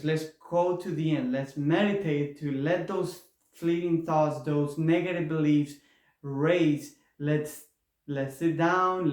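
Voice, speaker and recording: A man's voice: fairly high pitch, a little mellow. Earnest man in a roomy space. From Argentina. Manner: earnest, repetitive, with rising enthusiasm. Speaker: spiritual vlogger. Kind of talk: motivational spiritual talk. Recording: roomy echoey room.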